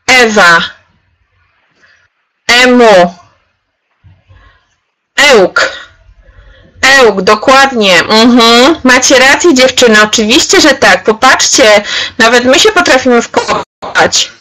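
A woman runs a live online workshop in a bright, forceful voice that sits fairly high. She talks slowly and deliberately, cheering participants on by name as she demonstrates. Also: rough recording. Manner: chatty and encouraging, addresses participants by name. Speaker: trainer leading a webinar for teachers.

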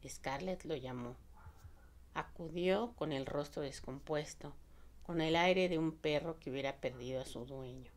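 A woman narrating a novel as an audiobook in a measured, steady reading. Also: sits low.

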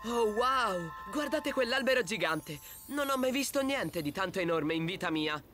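A woman voicing a boastful, excitable young male tiger cub in an animated cartoon dub. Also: medium pitch, normal speed, close to an everyday voice. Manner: brash and excitable. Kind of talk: Italian cartoon dubbing. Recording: cartoon soundtrack music underneath.

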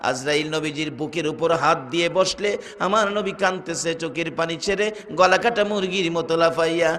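A man preaching a waz sermon, swinging between loud chanted cries and hushed tearful storytelling. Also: fairly high pitch, brisk.

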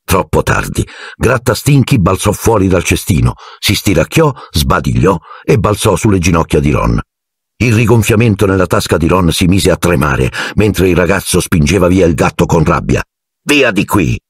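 A man's voice: sits low, lively intonation, moderate pace, husky, no echo, studio quality. A man narrating an audiobook expressively, acting out each character.

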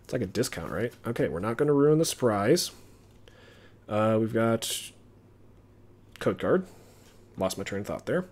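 A man streaming himself opening trading card packs, chatting casually and getting excited over his pulls. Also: lowish voice, measured pace, pauses often, breathy edge. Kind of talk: casual live-stream commentary.

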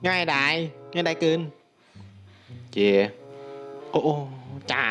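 A young man giving casual gameplay commentary, excitable, breaking into loud exclamations and talking to viewers. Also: fairly high pitch, takes it slowly, soft background music.

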